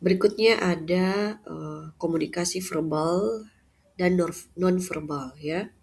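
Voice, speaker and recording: A woman lecturing at an unhurried pace, her voice sitting slightly low. She moves through her points with filler pauses and "ya" tags at the ends of phrases. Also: a little mellow. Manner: measured, with frequent "eh" fillers and "ya" tags. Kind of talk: unscripted lecture.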